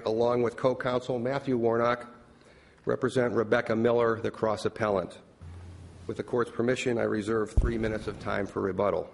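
A man speaking as a lawyer in formal oral argument, with measured, precise and deferential phrasing. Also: medium pitch, creaky, darkish tone. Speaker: lawyer arguing an appeal. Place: large courtroom. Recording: reverberant hall, faint noise.

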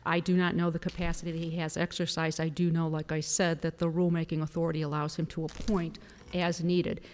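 A woman attorney delivering a formal oral argument to a court in a deliberate, emphatic manner. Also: low voice, level tone, darkish tone. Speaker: appellate attorney. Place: large courtroom. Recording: reverberant hall.

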